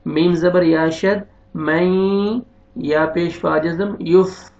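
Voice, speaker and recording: A man leads a beginners' Quran reading lesson at a deliberately slow pace, sounding out each letter and vowel mark in turn. Between the drills he drops into quicker, softer asides on the rules. The recording sounds dull and lo-fi, like online class audio. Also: sits high, fairly even intonation. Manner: spells letters and vowels slowly, then explains rules in quicker, quieter asides. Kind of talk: slow spelled-out recitation lesson.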